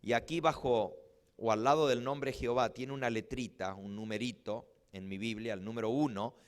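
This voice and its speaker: A man preaching a Bible study, reading scripture slowly and deliberately with rising emphasis. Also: medium pitch, fairly even intonation. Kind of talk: Bible teaching sermon.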